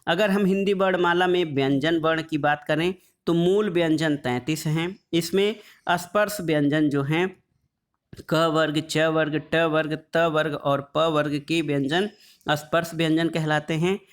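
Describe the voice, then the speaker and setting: A man teaching an exam-prep lesson on Hindi phonetics, reading quiz questions and then explaining the answers, drawing out letter sounds slowly as he lists them. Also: fairly high pitch, fairly even intonation. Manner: draws out sounds slowly when listing letters; calls the audience "friends".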